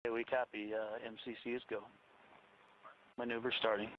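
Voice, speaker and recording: A man's voice: mid-range voice, little pitch movement, brisk, slight background noise. A man, an astronaut crew member, giving brief, matter-of-fact readbacks over a faint, breaking-up space-to-ground radio link. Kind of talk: clipped radio procedure talk. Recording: muffled dry radio link from far off.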